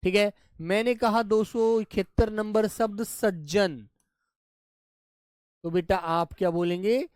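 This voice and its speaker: A male teacher running a live online class, who repeats each word slowly, calls the children dear, and drops to a soft low voice when he repeats answers. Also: steady tone, no room sound.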